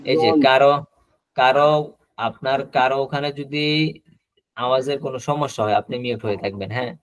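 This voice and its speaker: A man teaching a spoken-English class over a video call, repeating each example slowly and drilling pronunciation. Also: mid-range voice, steady tone, no room sound.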